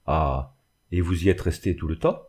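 A man's voice: extremely low pitch, normal speed, darkish tone, breathy edge, voice pushed down. A man reading the part of a harsh, severe old spinster seamstress in an audiobook. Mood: stern. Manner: severe, accusing.

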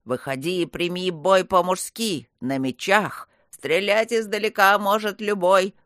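A woman voicing a rough male bandit leader with a deep, smoky bass voice and a bossy manner. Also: animated, slow pace, no room sound, studio quality, exaggerated voice. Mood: gruff threatening. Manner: gruff, bossy.

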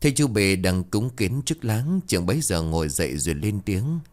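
Low-voiced male ghost story narrator. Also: big pitch swings, fairly quick, darkish tone.

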